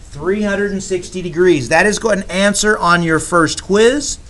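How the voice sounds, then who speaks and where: A man's voice: high voice, measured pace, a bit bright. A man teaching geometry to a class, upbeat and teasing with his students, in a classroom. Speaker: math teacher. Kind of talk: classroom lecture.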